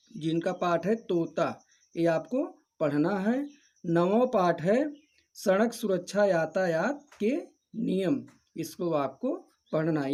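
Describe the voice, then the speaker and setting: In a high-pitched, warm voice, a male teacher walks his students through the syllabus chapter by chapter. The lesson is methodical and repetitive, and he addresses the students directly and instructively.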